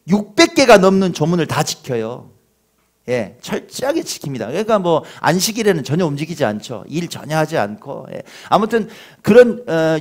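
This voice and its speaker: A middle-aged man preaching a sermon as a pastor, with lively questions to the congregation and touches of self-mocking humor. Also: a little high. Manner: animated, acts out scolding parents in a shouting voice.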